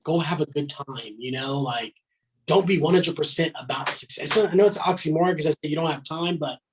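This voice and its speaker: A man's voice: a little high, a little fast, background noise. A man in his thirties, a podcast guest, talking in a blunt, emphatic way, swearing and filling his talk with "man". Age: 30s. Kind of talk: casual podcast chat.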